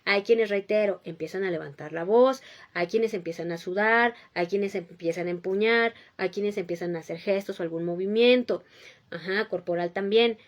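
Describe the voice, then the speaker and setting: A woman's voice: mid-range voice, normal speed, highs cut off. A woman hosting a talk on emotional health, explaining step by step in a teacherly way, checking in with listeners and repeating key points for emphasis. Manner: teacherly, checks in with a frequent rhetorical "¿sí?". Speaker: host giving emotional-health advice. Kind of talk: explanatory talk answering viewers.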